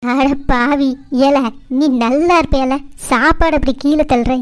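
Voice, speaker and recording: Woman playing a fretful cartoon mother, high voice, dry close sound. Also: steady tone, unhurried, no room sound. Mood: dismayed. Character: worried scolding mother of grown sons. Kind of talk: cartoon voice acting.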